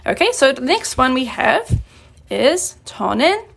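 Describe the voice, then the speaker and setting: A woman from New Zealand teaching a live-streamed grammar lesson, explaining patiently and clearly, slowing down on her examples. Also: sits high, sing-song. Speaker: Korean language teacher.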